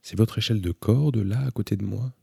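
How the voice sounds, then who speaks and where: A man voicing a polite young woman who calls out loudly from far above, asking questions. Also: fairly low pitch, fairly quick, creaky, husky, no room sound, studio quality, pitched above the performer's own voice, heavily acted. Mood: questioning. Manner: raised, calling out from far above.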